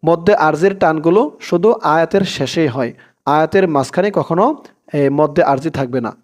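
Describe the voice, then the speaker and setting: High-voiced Bengali Quran teacher. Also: male voice. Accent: Bangladeshi Bengali. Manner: slow drawn-out chanting of verses between brisk explanations. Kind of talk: spelling-out recitation lesson.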